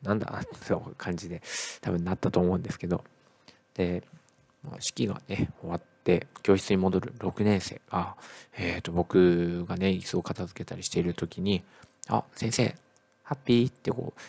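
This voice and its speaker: A middle-aged male teacher talking casually in a podcast monologue, relaxed and full of "eh" fillers. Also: sits low, normal speed, gravelly, husky, no echo.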